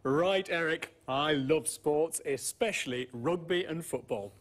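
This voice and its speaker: A man's voice: fairly high pitch, a little slow. An actor playing a sports-loving man in his forties in a scripted beginner English lesson. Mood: enthusiastic. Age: 40s.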